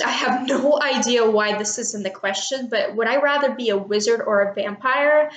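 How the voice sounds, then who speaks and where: An eighteen-year-old Texan woman doing an accent tag vlog talks casually to the camera, reading out questions and a word list. She sounds chatty and a little unsure, with lots of ums and small laughs, and her voice is slightly high and a bit bright. The room she's in has an echo.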